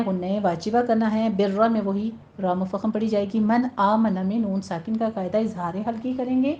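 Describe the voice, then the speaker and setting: Woman teacher explaining recitation rules, warm dark tone, slow drawn-out examples, lo-fi recording. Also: medium pitch. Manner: patient, instructive, drawn-out demonstrations. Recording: dull lo-fi audio.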